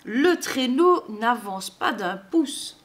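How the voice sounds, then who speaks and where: A woman reading a children's Christmas storybook aloud in an expressive, measured way. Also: on the high side.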